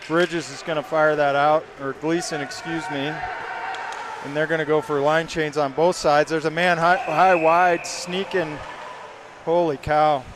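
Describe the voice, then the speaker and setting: A man calling live hockey play-by-play, quickly naming each pass and shot. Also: on the high side, level tone, background noise. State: hiccups. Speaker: play-by-play commentator.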